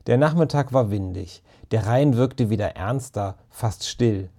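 A man narrating a children's story in a calm, even storytelling manner. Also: fairly low pitch, a little slow. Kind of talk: audiobook reading of a children's story.

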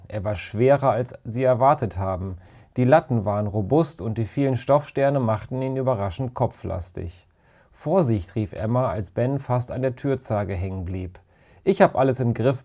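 A man narrates a children's storybook chapter in a calm, measured way. His voice has a dark, mellow tone at an ordinary middle pitch. The reading stays steady and unhurried. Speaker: audiobook narrator.

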